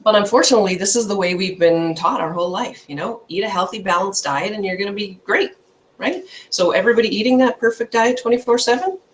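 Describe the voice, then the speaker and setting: A woman from Canada lecturing as a health coach in a loose, conversational way. She leans hard on her key points and keeps tagging them with quick check-ins to the listener. Her pitch sits in an ordinary middle range. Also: expressive, slight background noise. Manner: chatty, emphatic, ends points with "okay?" and "right?". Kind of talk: informal health presentation.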